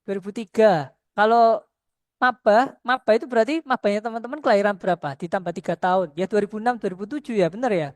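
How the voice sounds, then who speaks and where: A woman's voice: mid-range voice, fast talker, a little mellow, no echo. A middle-aged woman, a lecturer, giving a conversational workshop talk to students, earnest and repeating points for emphasis.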